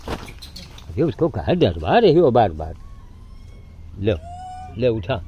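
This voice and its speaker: A man's voice: lowish voice, sing-song, slow, mellow, highs cut off, slight background noise. An older man talking outdoors, coaxing animals he is feeding and giving chores to a helper in between. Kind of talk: casual outdoor narration.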